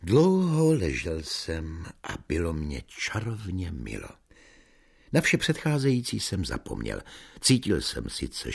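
A man's voice: low-pitched, vocal fry, slightly rough. A man narrating a comic story in the first person, with a dreamy, theatrical manner. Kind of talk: audiobook reading of a comic story.

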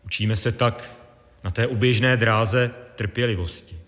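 A man preaching a sermon in a measured, deliberate way with pauses. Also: medium pitch, fairly even intonation, fairly bright tone. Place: church. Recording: long reverb of a church.

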